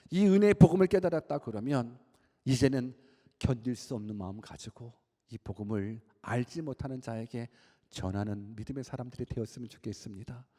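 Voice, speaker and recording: Korean pastor preaching in a reverberant hall. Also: male voice. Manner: rises to high, loud bursts for emphasis, then drops low and soft. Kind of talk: sermon. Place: church sanctuary.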